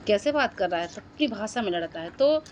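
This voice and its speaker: A middle-aged woman talking casually at home in a vlog about her pet dog, calling to him now and then in a high coaxing voice. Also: expressive, fairly quick, a little mellow, muffled recording, a little hiss or hum. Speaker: vlogger.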